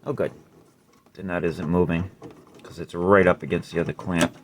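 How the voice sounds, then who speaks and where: A deep-voiced man talks through a guitar amp repair in a relaxed, explanatory way, now and then swearing under his breath. The recording carries a faint background hiss. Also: normal speed. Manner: laid-back, explaining step by step with mild cursing. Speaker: amplifier repair host. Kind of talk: casual repair tutorial.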